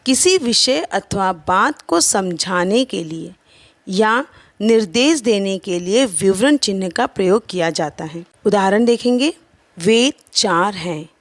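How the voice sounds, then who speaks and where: Woman, grammar lesson for kids, careful explaining, mid-pitched voice, dry close sound. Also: dry recording. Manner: slow, careful explaining with listed examples. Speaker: teacher.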